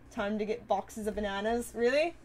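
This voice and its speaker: A woman streamer answers viewer comments in loose, casual chat. She sounds bubbly, swears freely and laughs a lot, with a mid-pitched voice over a faint hum behind her. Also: normal speed, a little mellow.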